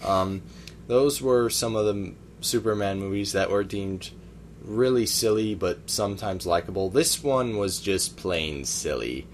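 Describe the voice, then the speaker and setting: A man's voice: on the low side, measured pace, slight background noise. A man co-hosting a casual podcast, rambling through opinions on films with hesitant fillers. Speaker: podcast co-host. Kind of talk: casual chat about movies.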